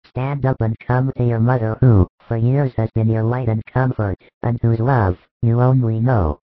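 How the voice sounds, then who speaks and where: A man voicing Jesus as a solemn, gentle teacher with measured authority in a dramatized scripture story. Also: medium pitch, steady tone, dry recording, lightly acted. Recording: muffled, phone-like audio.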